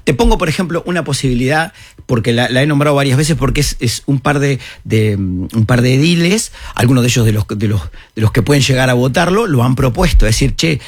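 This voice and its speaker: Animated older Uruguayan man, husky. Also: mid-range voice, brisk, no echo. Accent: Uruguayan Spanish. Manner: explanatory, animated, folksy asides. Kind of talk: radio talk-show discussion.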